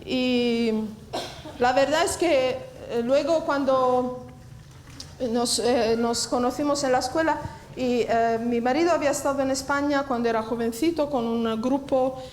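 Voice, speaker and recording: A woman from southern Italy in her fifties, speaking with an Italian accent to a church meeting in an unhurried, chatty way, pausing often to find words. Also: high-pitched, fairly even intonation, a little hiss or hum. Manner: warm, chatty, many hesitations and restarts. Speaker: Bible college director speaking at a church women's meeting. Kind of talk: testimony talk to a church audience. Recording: echoey hall with faint ambience.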